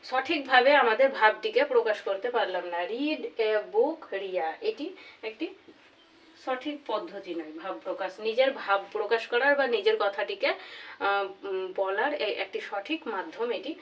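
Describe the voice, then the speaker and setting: A woman teaching a grammar lesson, slowly repeating each example word. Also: medium pitch, lively intonation, fairly bright tone. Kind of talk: classroom lesson. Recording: voice from far off the mic.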